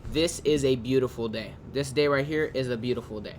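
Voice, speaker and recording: A man's voice: medium pitch, a little hiss or hum. Tired man talking over keyboard clatter. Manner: loose, unhurried, with drawn-out pauses and casual swearing. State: tired, yawning. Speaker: day trader reviewing his trades. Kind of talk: casual screen-recorded trade review. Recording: clear keyboard typing in background.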